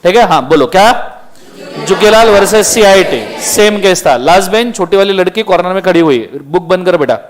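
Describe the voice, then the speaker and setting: Man, high-pitched, stern classroom lecturer, quizzing students. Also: brisk. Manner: strict, scolding students, firing questions at the class. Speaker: law lecturer.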